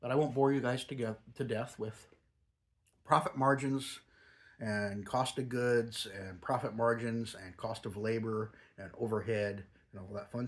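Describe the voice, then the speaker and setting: A middle-aged or older man chatting casually and rambling like a home reviewer, talking with a lip full of dip. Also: lowish voice. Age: middle-aged or older, a grandfather. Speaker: product reviewer.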